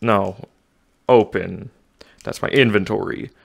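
A man's voice: fairly low pitch, slow pace, vocal fry. A young man commentating his own VR gameplay, out of breath, narrating every move and muttering to himself. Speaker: gaming YouTuber. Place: home room with desk.

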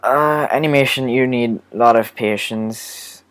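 A man talking through an animation tutorial in a loose, unscripted way. He speaks slowly, wanders off track, and drops into quiet mutters to himself as he works. His pitch sits in an ordinary middle range. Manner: rambling, hesitant, mutters quiet asides to himself. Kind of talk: casual screen-recorded tutorial.

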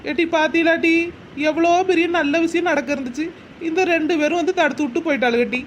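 A woman's voice: sits high, fairly even intonation, fast, a little hiss or hum, close to an everyday voice. A woman voicing a sly, spiteful village woman in a cartoon, muttering sarcastic asides. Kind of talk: cartoon voice acting.

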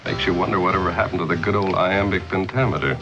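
Deep, deadpan American detective played by a man. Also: fast, natural voice. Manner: clipped, deadpan, terse. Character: cool, terse, unflappable male private detective. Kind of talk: 1950s television crime drama acting. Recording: dull vintage TV soundtrack, music behind.

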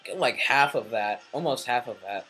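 A man doing casual let's play commentary, rambling and self-deprecating, muttering asides then bursting into sudden shouts at the game. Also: medium pitch, normal speed, a little hiss or hum. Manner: excitable, swings between mumbling asides and sudden shouts.

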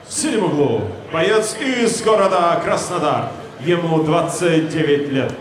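A man announcing as a boxing ring announcer, theatrical and booming, stretching out names. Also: expressive, unhurried. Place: indoor boxing venue, at the ring. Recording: echoey PA in a noisy crowded hall.

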